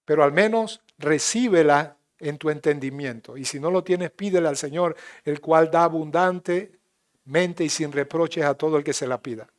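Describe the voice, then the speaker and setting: A man with a Panamanian Spanish accent preaching a sermon in church, swinging between loud emphatic rises and quiet asides. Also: a little high, normal speed. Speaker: pastor.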